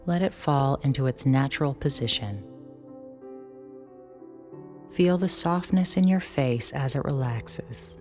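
Low-voiced woman narrating sleep relaxation. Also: lively intonation, soft background music. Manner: soothing, unhurried instructions with gentle pauses. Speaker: relaxation exercise instructor.

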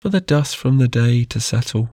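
A man guiding a sleep meditation in a slow, soft, soothing way. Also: mid-range voice, animated, no echo, clean studio sound.

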